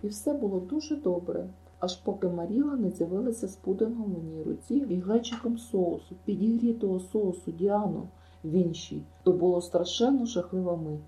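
A woman's voice: lowish voice, a little fast, mellow, roomy sound, lightly acted, rough recording. A woman reading an audiobook, voicing a chatty, imaginative girl who tells her misadventures in a gushing rush. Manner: breathless, gushing storytelling.

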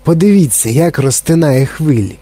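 A man voicing an eccentric, cheerful male candy maker, brisk and excitable, in a storybook reading. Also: a little high. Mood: excited.

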